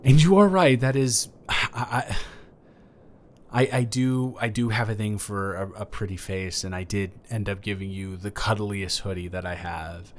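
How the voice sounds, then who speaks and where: This time the improvised neighbor, flirty, awkward, and kind, is voiced by a man with a fairly low, natural voice, fairly even intonation, and normal speed. The audio roleplay is casual and conversational, full of stammering, rambling, and self-corrections. He sounds flirty and flustered.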